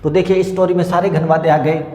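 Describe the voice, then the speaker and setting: A man teaching an exam-prep lesson. He repeats a memory-trick story slowly and explains each word. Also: fairly high pitch, level tone, dark tone. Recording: echoey room with long reverb.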